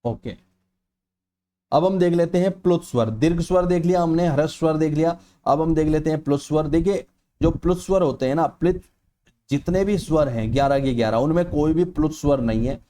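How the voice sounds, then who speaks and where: Man teaching with a mellow voice. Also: on the high side, a little fast. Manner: explanatory, repeats "ठीक है" often; stretches vowels aloud to demonstrate. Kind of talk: exam-prep lecture.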